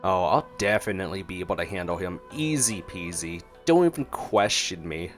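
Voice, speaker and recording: A man with a low, animated voice speaks at a moderate pace while streaming gameplay, joking around as he reads and reacts to the dialogue. Game music plays in the background.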